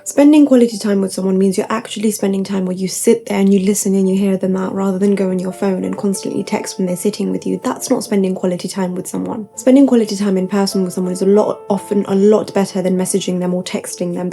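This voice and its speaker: Young woman, upbeat advice vlog, tidy structured delivery, emphatic repeats, soft mellow timbre, light background music. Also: mid-range voice. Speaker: advice vlogger, self-help author.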